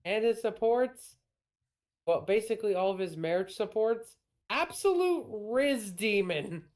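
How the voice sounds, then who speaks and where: A woman in a casual gaming chat, talking slowly and thoughtfully, with pauses and ums. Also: mid-range voice, animated, a little mellow. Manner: slow, thoughtful, hesitant with ums. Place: home streaming setup.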